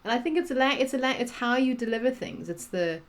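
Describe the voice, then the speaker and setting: Here the same kind of speaker, a middle-aged South African woman guesting as a coach on a podcast, sounds a little high, animated and quick. Her conversational answers ramble freely, full of fillers and restarts.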